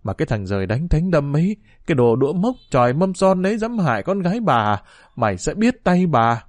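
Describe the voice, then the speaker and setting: A raging village mother from a storybook, shrill and wailing as she berates her daughter, as a male narrator puts her on. The voice rides high above the reader's own, loud and swinging wildly up and down, in a dry, close sound. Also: big pitch swings, a little fast, no room sound. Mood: furious. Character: furious middle-aged village mother.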